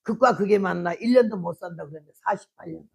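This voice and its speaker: Older woman missionary preacher, gravelly voice, lively storyteller who acts out dialogue and shouts for effect. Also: lowish voice, fast talker. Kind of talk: testimony sermon.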